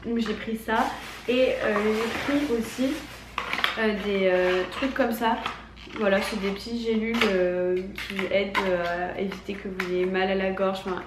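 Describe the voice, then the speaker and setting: A young woman with a honking, stuffed-up nasal voice speaks with an accent from France. She chats informally and emphatically, like a beauty vlogger, in an echoey room with faint background noise. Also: medium pitch. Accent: French from France. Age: young adult. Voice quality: honking, duck-like nasal voice from congestion. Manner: informal, filler-heavy, emphatic. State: congested, sick with a cold. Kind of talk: casual chatty product haul.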